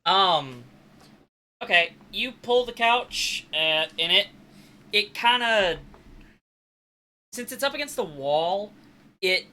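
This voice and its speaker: A man's voice: sits high, expressive, takes it slowly, long pauses, pushed and bright. A man narrating as game master, loosely improvising the scene with frequent fillers.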